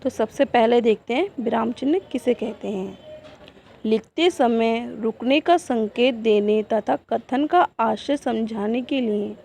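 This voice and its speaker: A woman teaching a grammar lesson to students, explaining rules slowly and reading out example sentences. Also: a little high, vocal fry, dark tone.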